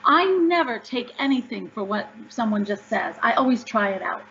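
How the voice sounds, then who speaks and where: A woman's voice: on the high side, lively intonation, normal speed, fairly bright tone, slight background noise. A woman author answering interview questions, upbeat and emphatic as she tells stories. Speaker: author guest. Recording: dull lo-fi audio.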